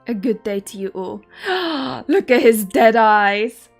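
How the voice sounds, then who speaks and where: A woman with a southern English accent casually commentates on a game stream, reading its text aloud, laughing often and stumbling over names. Her voice is on the high side and expressive, slow, with vocal fry. Faint game music plays behind her.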